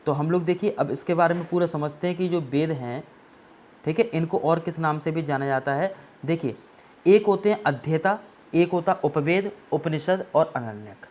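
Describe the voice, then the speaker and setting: A man's voice: a little high, normal speed, darkish tone, a little hiss or hum. A man teaching an exam-prep history lesson, explaining step by step and often checking that students follow, with English words mixed into his Hindi. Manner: explanatory, repeats "ठीक है ना" to check understanding.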